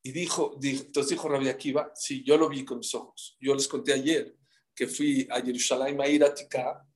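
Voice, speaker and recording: A man's voice: medium pitch, flat delivery, normal speed. A man teaching a live Talmud class, telling the stories dramatically and firing rhetorical questions at his listeners.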